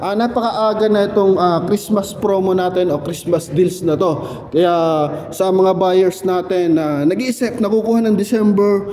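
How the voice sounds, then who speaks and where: A chatty car salesman with a high, mellow voice talks viewers through a vehicle in a showroom. His words ring out with a long reverb off the hard walls, and he keeps tagging his sentences with little questioning asides.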